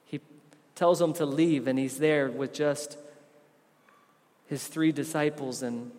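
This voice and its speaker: A fairly high-voiced man preaching, his words trailing off in the long reverb of a big room. He swings between loud, pressing emphasis and hushed, tender asides. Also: fairly even intonation, slow. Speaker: pastor. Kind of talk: sermon.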